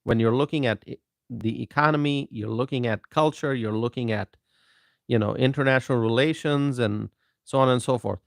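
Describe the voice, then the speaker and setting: A man's voice: mid-range voice, normal speed, vocal fry, no room sound, clean studio sound. A man from Bangladesh hosting his own political commentary channel, talking straight to viewers in an emphatic, repetitive way. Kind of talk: casual monologue to camera.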